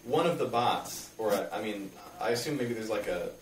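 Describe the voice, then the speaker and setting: A man's voice: fairly low pitch, normal speed. A young adult man being interviewed, explaining things casually in a hesitant, rambling way. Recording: echoey room, distant mic, faint noise.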